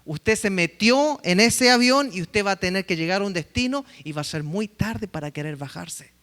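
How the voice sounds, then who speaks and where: A man preaching a sermon as pastor, telling stories with lively acted-out quotes. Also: sits high, normal speed, in a large hall. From Chile. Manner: lively storytelling, acting out quotes. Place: church sanctuary.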